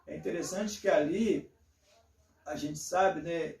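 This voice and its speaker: A man, a pastor hosting the talk, speaking in a measured, hesitant way with many small tag questions. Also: a little high, vocal fry, darkish tone. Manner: measured, hesitant, with frequent fillers. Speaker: pastor and host. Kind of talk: casual theological conversation. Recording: echoey room, distant from mic.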